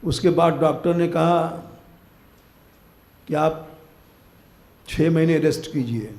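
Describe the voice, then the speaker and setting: At a live gathering in a temple hall, an older spiritual teacher gives a devotional discourse in a fairly high, darkish voice at a slow pace, with reverberant sound. He exhorts his listeners firmly, commanding them to wake up and keep their vows.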